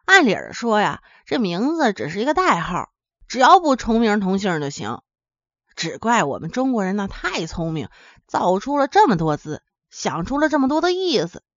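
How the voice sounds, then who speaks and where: A woman's voice: mid-range voice, very animated, normal speed, dry recording. A woman from Henan telling a folksy comic tale in a chatty way, speaking directly to her listeners. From Henan, China. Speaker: storyteller. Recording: dull, dry lo-fi recording.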